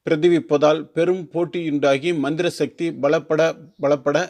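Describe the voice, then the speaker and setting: Man slowly reading a formal religious text. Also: on the high side, a little mellow. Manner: slow, careful formal reading with restarts on long words. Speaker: teacher.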